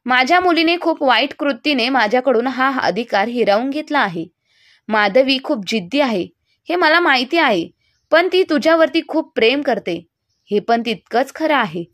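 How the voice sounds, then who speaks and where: A woman voicing a gentle, humble older father who pleads earnestly. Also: sits high, expressive, moderate pace, dry recording, clean studio sound. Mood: pleading.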